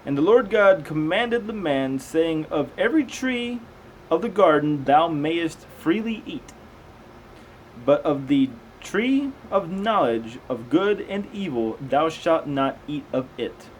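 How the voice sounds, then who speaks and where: Reading scripture aloud, a man with a fairly high voice and lively intonation halts and trips over difficult words in the old text, then breaks off into casual asides of his own commentary. He's an amateur host, and the rough recording carries faint background noise.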